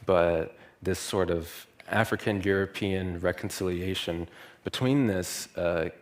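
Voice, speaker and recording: A young man from Louisiana giving a university lecture, relaxed and thinking aloud with many fillers. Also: low-pitched, measured pace. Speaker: guest lecturer.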